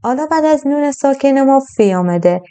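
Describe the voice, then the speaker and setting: A woman, teaching Quran recitation step by step. She explains patiently and draws out the recited verses slowly. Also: high-pitched, expressive, mellow.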